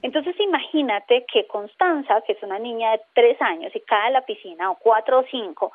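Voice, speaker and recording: A woman with a Colombian accent, a phobia specialist explaining in an animated way as a radio interview guest. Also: fairly high pitch, normal speed. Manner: animated explaining, acts out quoted voices. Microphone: telephone. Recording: tinny phone line.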